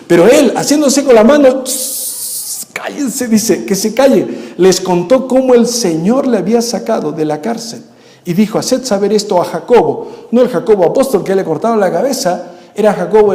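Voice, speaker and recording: A man preaching a sermon as pastor, telling the story in an animated way and acting out the scenes. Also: sits high. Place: church sanctuary. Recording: echoey church hall with long reverb.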